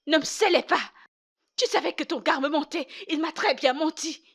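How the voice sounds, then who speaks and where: A woman's voice: high-pitched, normal speed, fairly bright tone. A woman dubbing a defiant, stubborn young wife in a film drama, talking in heated, repetitive challenges. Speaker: wife in a marriage dispute.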